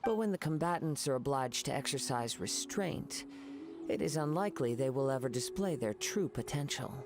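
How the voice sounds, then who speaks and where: An actor playing a calm, reflective young male wandering samurai in a video game, speaking in a measured way. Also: mid-range voice, over music, natural voice.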